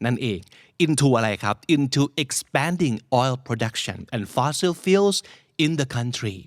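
A man hosting a podcast, explaining English vocabulary from news headlines in a lively, playful way. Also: medium pitch, extremely slow, no echo, clean studio sound. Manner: lively, slips into playful put-on quotes.

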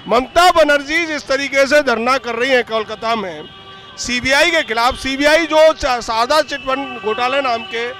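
A man's voice: very high-pitched, pushed and bright. A man reporting out on a city street, firing pointed, leading questions at passersby. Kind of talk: vox-pop street interview.

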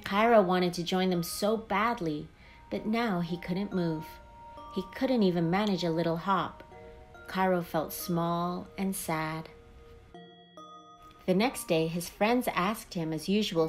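A woman reading a children's picture book aloud in a gentle, expressive storytelling voice. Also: fairly low pitch. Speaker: storybook reader.

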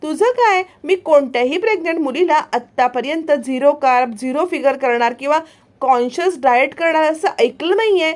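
A suspicious young man who probes with question after question, as a woman narrator voices him. The voice rides high and lively. It stays close to her own. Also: moderate pace, lightly acted. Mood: probing. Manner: questioning, probing.

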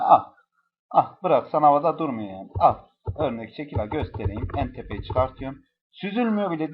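A young man doing a profane, exasperated comedic review of a mobile game, cursing and yelling at it. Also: medium pitch, husky, lo-fi sound.

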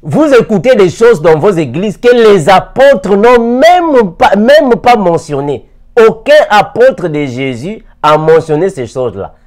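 Seated in an armchair indoors, this forties-aged preacher fires rhetorical questions at his audience during a video lesson. His high-pitched voice has a darkish tone and is picked up by a lapel mic.

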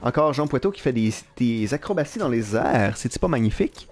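A young man with a Quebec French accent giving live gameplay commentary in an animated, self-mocking way, swearing casually. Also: medium pitch, a little fast, faint music behind. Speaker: live streamer. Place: at work.

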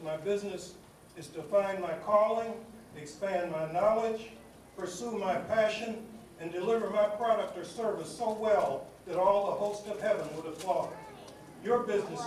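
A man's voice: high voice, a little mellow. A man giving a commencement speech to graduates, with a rhythmic, oratorical delivery that builds on repeated phrases. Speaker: commencement speaker. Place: large hall at a graduation ceremony. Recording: echoey hall recording from far off with noise.

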